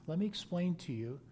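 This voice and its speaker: Man telling stories in a mellow voice. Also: a little high, slight background noise. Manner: folksy anecdotal storytelling with laughs. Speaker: pastor and seminary teacher. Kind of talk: storytelling interview answer.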